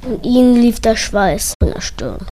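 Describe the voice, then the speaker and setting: A woman's voice: a little high, lively intonation, unhurried, mellow, dry recording. A woman reading a scripted children's story as narrator.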